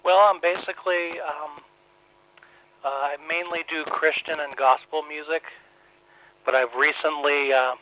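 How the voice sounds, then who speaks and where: A man's voice: fairly even intonation, measured pace, long pauses, no room sound. A man, a musician guest, speaking hesitantly with many fillers over a phone line into a radio interview. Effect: heard over a phone line. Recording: noisy low-quality phone line.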